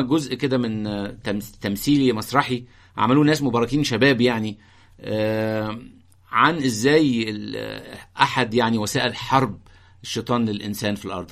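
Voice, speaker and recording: A man's voice: mid-range voice, a bit bright. An Egyptian man preaching in an informal, conversational teaching style, often checking in with his listeners.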